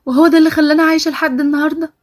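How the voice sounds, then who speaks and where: A woman with an Egyptian accent voicing a sick, heartbroken pregnant young wife in an animated story, pleading in a raised, husky voice. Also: sits high, fast talker, voice pushed up, exaggerated voice. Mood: pleading tearful. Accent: Egyptian Arabic. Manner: pleading, tearful.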